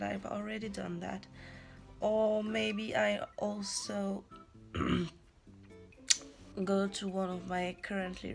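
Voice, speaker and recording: A young woman, talking slowly and casually as she thinks aloud for her reading vlog. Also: mid-range voice, gravelly. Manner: slow, unhurried, thinking aloud. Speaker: book vlogger. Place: in her bed at home.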